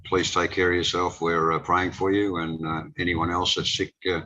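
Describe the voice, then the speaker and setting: A man's voice: sits low, flat delivery, normal speed, bright, forceful tone, lo-fi sound. A man hosting a webinar who thanks callers and tells them he is praying for them. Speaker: webinar host.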